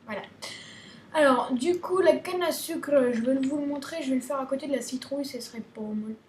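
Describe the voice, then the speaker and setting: A high-voiced woman hosts a gaming video, giving casual tutorial commentary in a brisk, slightly dark tone. She is chatty and playful, restarts often, and talks directly to viewers. The recording has a roomy echo and faint background hiss.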